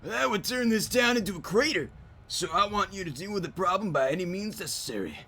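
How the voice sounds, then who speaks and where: A man voicing a bitter old male town mayor with a wheezy cigarette rasp, grumbling and world-weary, as amateur game voice acting. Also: high-pitched, expressive, a little fast, sharp tone, voice pushed up, full character voice. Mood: gruff. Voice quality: wheezy, gravelly.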